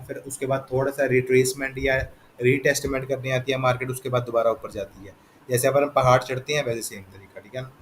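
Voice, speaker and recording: A man's voice: medium pitch, slight background noise, poor audio. A man teaching a trading lesson, explaining chart patterns step by step with patient repetition and frequent check-ins. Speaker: trading instructor.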